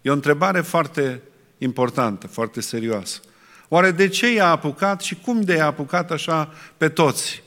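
A man's voice: on the high side, bright, forceful tone, big-room sound. A man preaching a sermon earnestly, asking his listeners rhetorical questions.

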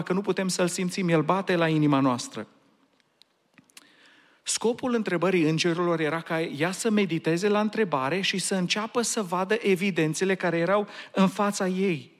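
A man preaching a sermon, asking earnest rhetorical questions and slipping in English phrases. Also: on the high side. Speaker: pastor.

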